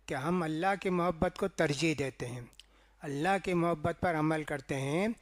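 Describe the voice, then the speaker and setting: A male preacher giving a Ramadan sermon in a chatty, storytelling way, tagging phrases with "ji" and "na" and acting out the dialogue of his stories. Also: fairly high pitch. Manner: conversational storytelling, frequent "ji" and "na" tags; acts out quoted speech in dialogue. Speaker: mosque preacher.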